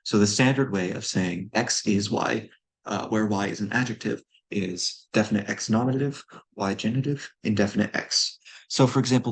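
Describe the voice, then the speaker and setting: A man's voice: lowish voice, slightly rough. A man casually explaining a constructed language, sounding out syllables one by one with lots of ums and uhs and a dry, nerdy enthusiasm. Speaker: conlang presenter.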